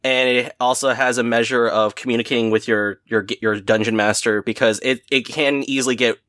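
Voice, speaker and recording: A man's voice: medium pitch, steady tone, a little fast, fairly bright tone, no echo, clean studio sound. A man chatting casually as a guest game master, rambling with many restarts and frequent laughs. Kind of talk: casual podcast chat.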